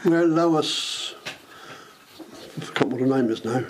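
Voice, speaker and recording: A man's voice: mid-range voice, a little slow, background noise. Older man explaining local details. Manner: clear, explanatory, fills in details. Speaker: interviewee. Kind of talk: explaining in casual chat.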